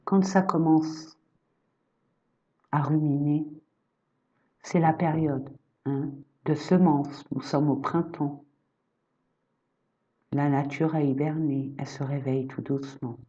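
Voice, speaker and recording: Slow, low-voiced woman soothing her viewers. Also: steady tone, mellow, dull audio. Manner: soothing, reassuring, affectionate, addresses viewers as friends. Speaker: energy therapist and medium giving horoscope readings. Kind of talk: casual spiritual horoscope reading to camera.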